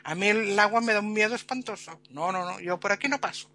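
A woman's voice: mid-range voice, fast, sharp tone, no echo. A woman voicing a timid burning ember who is scared of water in a told folk tale. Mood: frightened.

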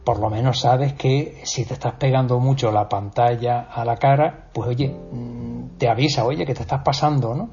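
Tutorial host: a chatty man with a warm, relaxed tone, recorded lo-fi. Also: mid-range voice, normal speed, hardly any pauses. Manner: chatty, explanatory, with fillers and restarts. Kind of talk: casual spoken tutorial. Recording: dull lo-fi sound with faint music.

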